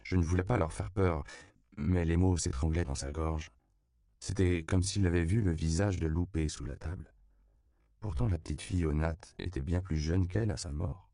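A man narrating an audiobook in a measured, steady reading style. His voice is very low and gravelly, with a dark, mellow tone. The recording is dry and close, with no room sound. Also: dry recording. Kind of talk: scripted narration.

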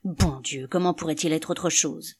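A woman's voice: sits low, normal speed, breathy edge. A woman reading an audiobook, voicing a grumbling, scornful middle-aged male canvasser with an indignant, sneering manner.

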